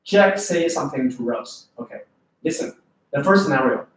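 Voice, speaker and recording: This classroom lecture comes from a man from China who teaches an English test class with a Chinese accent. His voice is on the high side at a moderate pace, and he's lively, often asking students questions and checking in with them. It was captured from a distance in an echoey room.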